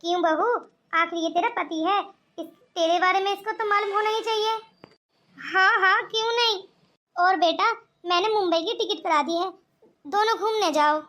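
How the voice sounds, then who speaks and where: Older bossy mother-in-law, cartoon, a woman voicing her, very high bright voice. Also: normal speed. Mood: warm. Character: older mother-in-law, sharp-tongued turned kind. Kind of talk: cartoon voice acting.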